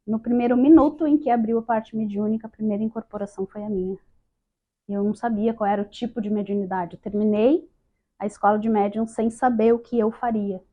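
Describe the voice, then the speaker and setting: A woman's voice: mid-range voice, a little fast. A woman telling her spiritist experiences to an audience, acting out dialogue and often calling out to her listeners. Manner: lively storyteller acting out dialogue, addresses listeners as "gente". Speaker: spiritist speaker. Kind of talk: testimonial talk to an audience. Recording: dull lo-fi sound.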